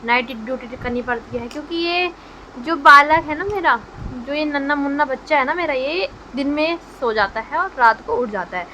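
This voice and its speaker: A woman's voice: sits high, normal speed, bright, forceful tone, a little hiss or hum, low-quality recording. A young woman vlogger in her twenties with a Hindi accent, chatting jokingly to her viewers at home. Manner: joking, chatty, addresses friends. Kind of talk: casual vlog chat.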